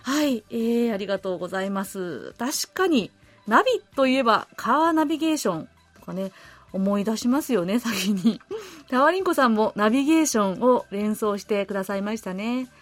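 High-voiced woman hosting a radio show. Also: lively intonation, normal speed, faint music behind. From Korea. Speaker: radio host reading listener letters. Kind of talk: casual radio talk. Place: radio studio.

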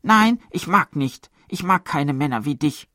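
A man voicing a coquettish young woman in love, teasing and coy, in a clearly raised voice. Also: fairly high pitch, expressive, unhurried, pushed and bright, no echo, studio quality, pitched above the performer's own voice. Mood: cold, refusing. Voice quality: coy, breathy put-on.

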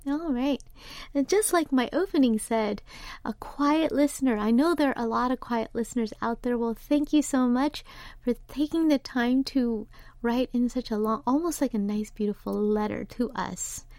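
A woman radio DJ with an unusual American English accent chats casually between songs, reading listener messages aloud in a relaxed way full of fillers. Her voice is on the high side at a moderate pace. The studio microphone gives a clean, echo-free sound in the radio studio.

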